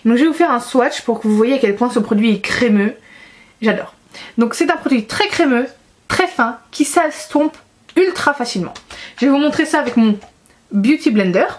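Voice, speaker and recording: Young woman gushing over makeup, lots of euhs, kinda high voice. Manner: chatty and enthusiastic, many fillers. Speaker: beauty vlogger. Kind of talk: casual product review.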